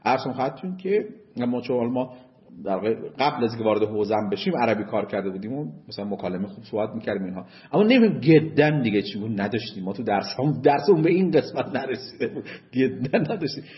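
Male seminary lecturer, very animated pitch, muffled lo-fi recording. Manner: slow deliberate reading of Arabic text, then lively asides. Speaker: seminary teacher. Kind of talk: lecture on Islamic jurisprudence.

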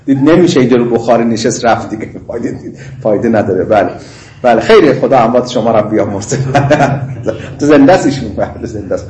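A middle-aged seminary teacher with a mid-range, animated, darkish voice teaches a class on Islamic law, repeating points and checking that students follow. He mixes in Arabic legal phrases, chatty asides and laughter. The audio is dull, with roomy classroom echo.

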